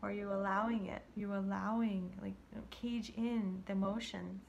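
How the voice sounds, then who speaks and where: Lady doing a tarot reading, gravelly voice, gentle and stumbly, slips into whispers, bit of background hiss. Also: medium pitch, fairly even intonation, dull audio. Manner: gentle, halting, many fillers and restarts. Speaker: tarot card reader. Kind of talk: intuitive card reading to viewers.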